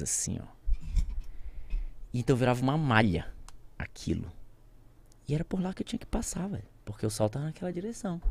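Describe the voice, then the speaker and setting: Husky Brazilian man telling an intense story. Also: medium pitch. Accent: Brazilian Portuguese. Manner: intense, swings from loud outbursts to near-whispers; speaks with conviction, addresses viewers directly. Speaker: podcast guest, pilot. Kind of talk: emotional storytelling.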